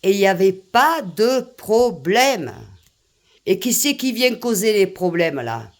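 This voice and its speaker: A woman's voice: mid-range voice, sing-song, slow. An older woman, ranting indignantly to her viewers, full of exclamations and repeated phrases. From France. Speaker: vlogger. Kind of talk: angry rant to camera.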